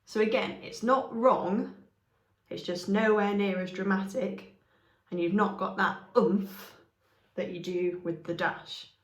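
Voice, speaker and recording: A woman teaching a grammar lesson, explaining patiently and often checking in with "okay?". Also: fairly low pitch. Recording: echoey room.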